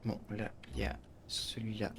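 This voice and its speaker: A man's voice: fairly low pitch, level tone, moderate pace, gravelly, noisy background. A man hosting a gaming channel, explaining a space game step by step with frequent restarts and little interjections. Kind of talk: game tutorial commentary.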